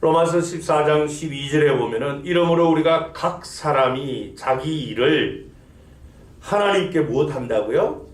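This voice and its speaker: A man's voice: on the high side, unhurried. A male pastor preaching a sermon, building emphasis and asking the congregation rhetorical questions. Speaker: senior pastor. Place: church sanctuary. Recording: echoey church sanctuary.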